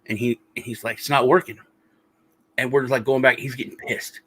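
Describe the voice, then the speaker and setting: A man's voice: medium pitch, a little fast, slightly rough. A man co-hosting a casual podcast chat, telling stories animatedly and acting out the other person's lines. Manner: animated storyteller, acts out quoted arguments. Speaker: podcast co-host.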